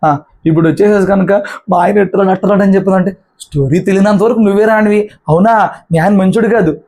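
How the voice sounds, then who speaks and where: Male pastor with a high voice, emphatic colloquial sermon. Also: fast, darkish tone. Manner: emphatic, colloquial, acts out the brothers' lines.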